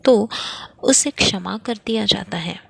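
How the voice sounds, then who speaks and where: A kindly old moon uncle from a children's storybook play gently corrects the queen and gives advice, slowly and patiently, as a woman reads his lines. The voice stays mid-pitched and even. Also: vocal fry, slight background noise. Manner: gentle, advising.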